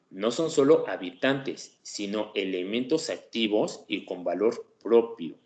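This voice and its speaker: A teacher presents a class topic on education in an explanatory lecture, his voice low and a little mellow. He keeps things conversational with filler sounds and small tag questions to make sure listeners follow, and the room is echoey and reverberant.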